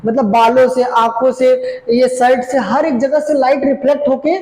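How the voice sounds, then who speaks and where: A man's voice: very high-pitched, level tone, moderate pace, a little mellow, echoey room, low-quality recording. A man teaching a physics lesson to children, asking questions and answering them himself, mixing English terms into his Hindi speech. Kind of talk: classroom lecture to children. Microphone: camera.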